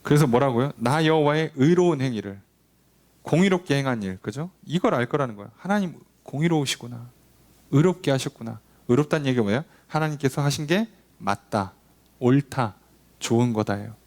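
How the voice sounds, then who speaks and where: A male pastor, brisk and animated, with a medium-pitched, slightly mellow voice, is leading a Bible study. He keeps it conversational, asking the congregation questions. Quoted dialogue between God and people gets acted out in his delivery.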